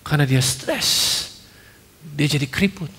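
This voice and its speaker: A male pastor preaching a sermon in an animated storytelling way, tossing in English phrases and humorous asides. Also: a little high, a little slow, husky, big-room sound.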